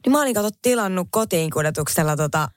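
A woman's voice: on the low side, lively intonation, no echo, studio quality. A woman in a casual podcast chat who tells stories vividly, acting out scenes with comic detail. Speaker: podcast co-host.

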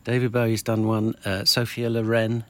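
Hesitant low-voiced male host. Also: completely flat delivery, moderate pace. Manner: hesitant, repeating words while thinking. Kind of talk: casual interview.

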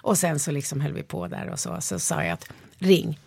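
A woman in an interview, a leadership developer telling her stories in a lively, animated way. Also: deep voice, creaky, breathy edge, no room sound, clean studio sound. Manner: lively storyteller, animated retellings. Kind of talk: interview conversation.

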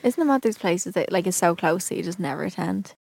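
A woman in her twenties with a Dublin Irish accent, co-hosting a podcast, bubbly and quick to laugh. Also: fairly low pitch, animated, gravelly, darkish tone, slightly rough, no room sound, studio quality. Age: 20s. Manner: bubbly, rapid, laughs often. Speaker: podcast co-host. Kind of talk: casual chat.

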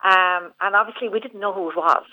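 A woman calling in to a radio show, her voice heard over a thin, tinny phone line. She talks in a chatty, easygoing way at a medium pitch, often pausing and restarting mid-sentence. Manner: chatty, with many hesitations and restarts. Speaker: phone-in guest, venue manager. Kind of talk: casual radio phone interview.

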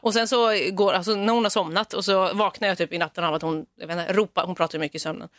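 Relaxed young man in casual chat. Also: sits high, no room sound, clean studio sound. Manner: relaxed, laughs easily, quotes himself and his partner.

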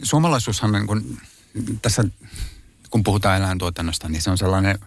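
Gravelly, husky Finnish activist man. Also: low-pitched, dry recording. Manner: thoughtful, hesitant, many fillers and restarts. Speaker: animal rights activist. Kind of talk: conversational interview answers.

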